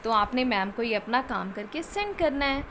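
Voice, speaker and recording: A woman's voice: on the high side, lively intonation, fairly bright tone, slight background noise. A woman with an Indian accent teaching young children in an online lesson, drawing out vowel sounds and coaxing them along. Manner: slow, drawn-out sounding of vowels; coaxing, calls the child "beta". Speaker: kindergarten teacher.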